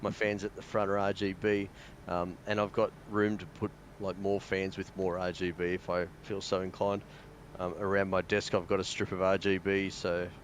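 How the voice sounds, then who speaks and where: Casual Australian gamer guy, low voice, rambling, on a voice-chat mic. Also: little pitch movement, moderate pace, slight background noise. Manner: rambling, hesitant, many fillers. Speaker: guest pilot. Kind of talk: casual chat over voice call.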